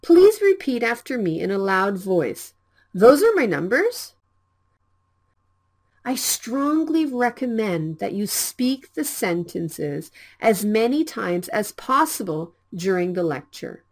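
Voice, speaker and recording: A woman presenting an English lesson, explaining lines slowly and clearly with lively intonation. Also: medium pitch. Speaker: English teacher. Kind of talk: scripted language lesson.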